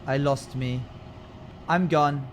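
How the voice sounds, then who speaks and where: A man's voice: medium pitch, steady tone, slow pace, a little hiss or hum. A man streaming a game, chatting casually and playfully as he reacts and reads out dialogue choices. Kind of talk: casual let's play chat, reacting and reading out choices. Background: faint game music.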